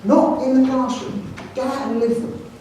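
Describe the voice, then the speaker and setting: A man with a London accent, a headteacher giving a jokey, animated talk to an audience. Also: extremely high pitch, moderate pace, a little hiss or hum. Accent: London English. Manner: jokey storyteller, animated, self-mocking. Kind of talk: anecdotal presentation to an audience. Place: large hall with audience. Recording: echoey hall, speaker far from mic.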